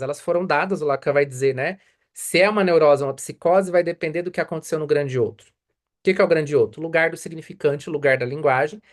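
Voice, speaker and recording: Brazilian man lecturing casually, tagging "né?". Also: fairly high pitch. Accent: Brazilian Portuguese. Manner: conversational, tags nearly every point with "né?", asks and answers his own questions. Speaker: psychoanalyst teaching a study group. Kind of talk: live online lecture.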